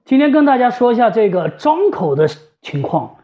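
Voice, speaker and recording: In a slightly dull, lo-fi recording, a woman with a fairly high and very animated voice talks at a moderate pace. She is a home ventilator specialist and shop employee, explaining things conversationally and repeating phrases for emphasis.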